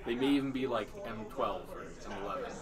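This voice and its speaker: A young man casually commentating a live card tournament, quick and loose with lots of filler words. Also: mid-range voice, big pitch swings, creaky. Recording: crowd chatter behind.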